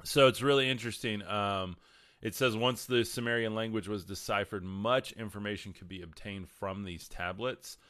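A man with a West Texas twang hosts a casual livestream. His voice sits fairly low and is smooth and clean, recorded close and dry. He chats informally with viewers in a drawl. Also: steady tone, normal speed, a bit bright, no room sound. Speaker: livestream host. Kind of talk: casual livestream talk, answering viewer questions.

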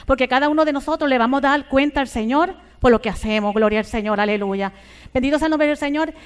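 Her voice is high-pitched and clean. She's an older Puerto Rican woman delivering a sermon, packing each phrase with fervent church exclamations while seeking agreement from those listening.

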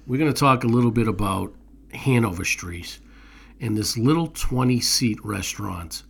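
Man, food show co-host, rambling enthusiasm, gravelly husky voice. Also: mid-range voice, lively intonation, moderate pace. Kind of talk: casual chat.

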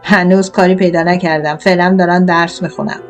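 A woman's voice: lowish voice, fairly even intonation, lightly acted. A cheeky onion boy talks back with cool confidence, acted by a woman reader. He mocks and teases without fear. Piano music lingers faintly behind. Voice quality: cocky, mocking.

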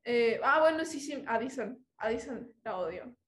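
A woman's voice: fairly high pitch, expressive, moderate pace. A woman in casual chat, rambling and self-mocking, laughing at herself. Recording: echoey room.

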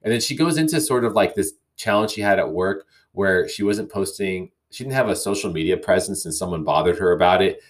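A man's voice: sits low, a little fast, hardly any pauses. A man hosting a casual solo podcast, thoughtfully reading listener emails aloud and reflecting on them with frequent restarts. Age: young adult or middle-aged, parent. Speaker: podcast host.

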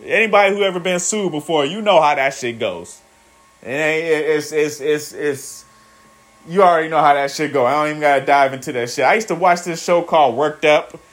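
A man in his thirties talks loosely to his viewers in a profane motivational vlog. He rambles, repeats himself, and keeps calling them "guys". His voice sits a little high for a man. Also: a little fast, fairly bright tone. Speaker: vlogger. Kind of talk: casual motivational monologue.

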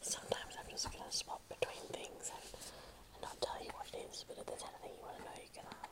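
Whispering woman with a close mic. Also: fast talker. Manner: soft whisper with fillers and hesitations. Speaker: podcast host. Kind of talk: ASMR whispering. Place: quiet home while others sleep.

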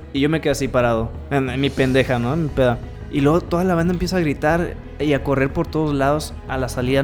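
A man's voice: a little high, a little mellow. A man with a Mexican accent in casual chat, telling a story vividly and acting out voices and sound effects. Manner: vivid storyteller who acts out quotes and sounds. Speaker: co-host telling a party story.

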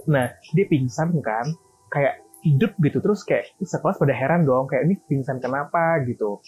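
A man from Sumatra telling a story in a casual chat, animated and slangy. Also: medium pitch, moderate pace, husky, dull audio, soft background music.

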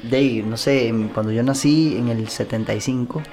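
A man in his forties with a Costa Rican accent, a guest musician answering in a relaxed casual interview with some hesitant fillers. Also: medium pitch, moderate pace, noisy background. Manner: easygoing, laughs, hesitant fillers.

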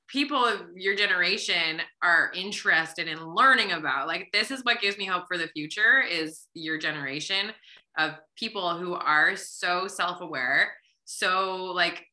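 A woman's voice on the low side, sharp in tone. She's in her thirties, hosting a podcast and talking reflectively and chattily in a casual interview, with "like" used heavily.

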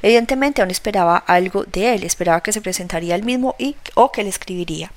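A woman narrating a novel as an audiobook, reading in a measured, steady way. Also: mid-range voice, no echo.

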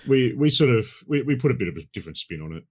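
A man's voice: mid-range voice, big pitch swings, racing, a little mellow, husky. A middle-aged Australian man chatting casually as a podcast guest in a laid-back, blokey, matey way. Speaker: podcast guest and gaming podcast host. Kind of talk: casual chat.

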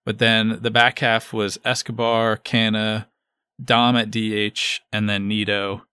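A man's voice: lowish voice, little pitch movement, measured pace, sharp tone, smooth, dry recording, clean studio sound. A man giving casual sports analysis as a podcast co-host.

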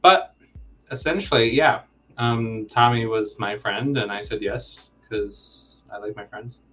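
A man's voice: on the low side, measured pace, bright, forceful tone, husky, faint music behind. A man of about thirty, a guest in a casual interview, rambling and joking at his own expense. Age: 30s. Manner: rambling, self-deprecating joking. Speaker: comic co-creator, guest.

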